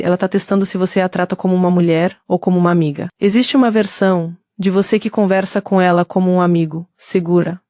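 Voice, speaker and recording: A woman's voice: on the low side, no room sound. Woman narrating in a dry, close voice. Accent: Brazilian Portuguese. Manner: steady, explanatory, addresses the listener directly. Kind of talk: scripted narration.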